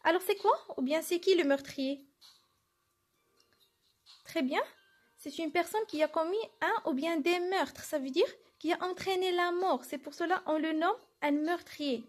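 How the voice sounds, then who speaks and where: High-voiced woman teaching a lesson. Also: a little slow, faint music behind. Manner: explains step by step, asks and answers questions herself. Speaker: French teacher. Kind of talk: classroom lesson.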